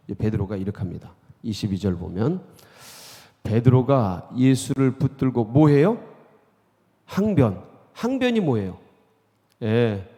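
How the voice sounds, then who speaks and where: A male pastor delivers a sermon with a dark, gravelly voice, firing rhetorical questions at his congregation. When he quotes scripture he suddenly gets loud. His voice trails off in a long church-hall reverb. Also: mid-range voice. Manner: keeps asking the congregation questions, then bursts out loud when quoting scripture. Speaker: senior pastor. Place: church sanctuary.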